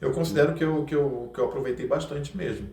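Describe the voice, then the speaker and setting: A man's voice: on the high side, fast, mellow, recorded from a distance, a little hiss or hum. Carioca man chatting in an echoey room. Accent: Carioca Brazilian Portuguese. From Rio de Janeiro, Brazil. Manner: rambling, many hesitations and restarts. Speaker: podcast guest, voice actor and dubbing director. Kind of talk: casual interview chat. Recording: echoey room, a bit off mic.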